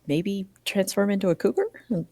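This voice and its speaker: A woman's voice: medium pitch, moderate pace, gravelly, warm tone, dry recording. A woman playing a tabletop game, talking hesitantly and brushing off her own ideas. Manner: hesitant, self-deprecating. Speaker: player. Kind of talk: casual tabletop play.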